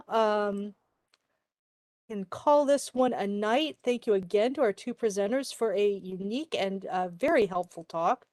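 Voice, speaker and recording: A woman's voice: fairly high pitch, dry recording. A woman hosting a virtual club meeting, friendly and chatty, talking over a video call. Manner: friendly, chatty, says y'all.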